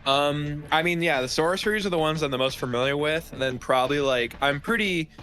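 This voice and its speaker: A man's voice: fairly high pitch, fairly quick, pushed and bright, faint music behind. A man chatting as a guest on a stream, laid-back and rambling, with lots of filler words. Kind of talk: casual chat.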